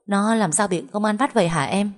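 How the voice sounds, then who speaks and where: A woman's voice: medium pitch, fairly quick, pitched above the performer's own voice, lightly acted. A woman voicing a worried young married daughter who asks anxious, urgent questions and keeps the peace.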